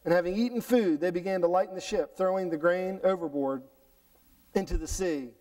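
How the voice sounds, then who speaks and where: A middle-aged man preaching from a church stage on a headset mic, with a fairly high voice. He reads scripture and talks it through in an animated way, often restarting and repeating words. The voice sounds a little distant in the room. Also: fairly quick. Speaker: pastor. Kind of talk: sermon reading and explaining scripture. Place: church sanctuary stage, indoors.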